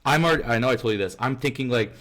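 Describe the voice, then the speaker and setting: A man's voice: medium pitch, very fast, a bit bright. A young man co-hosting a podcast, telling a story in a rambling, casual way full of filler words and restarts. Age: young adult. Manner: rambling, heavy on filler words and self-corrections. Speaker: podcast co-host.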